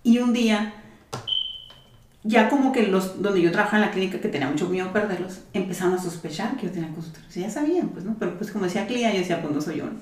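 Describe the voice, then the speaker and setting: Fast-talking Mexican woman, echoey room. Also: medium pitch, distant mic, slight background noise. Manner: animated storyteller acting out quoted dialogue. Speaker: dentist telling her story. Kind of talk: casual podcast chat.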